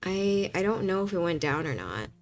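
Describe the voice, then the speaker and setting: A young woman streaming a game, chatting in a rambling, animated way and pleading with herself when the game gets tense. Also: fairly low pitch, moderate pace, faint music behind. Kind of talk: casual gameplay chat.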